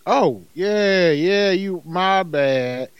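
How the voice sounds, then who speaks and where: A man's voice: high-pitched, animated, drawn-out words, clean tone, no echo. A man co-hosting a casual podcast, laid-back and joking. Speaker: podcast co-host. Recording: dull lo-fi recording.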